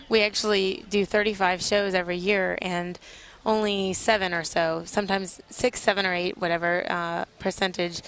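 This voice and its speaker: A woman's voice: medium pitch, fairly bright tone, smooth, low-quality recording. Woman giving informal live airshow commentary. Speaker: military flight demonstration team member, guest air show commentator. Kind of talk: live air show commentary in an interview.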